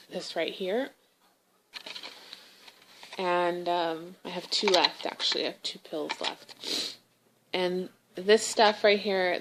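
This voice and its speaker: A young woman in a personal video diary, speaking in a halting, emotional way with many pauses. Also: on the low side, a little hiss or hum, low-quality recording. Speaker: vlogger.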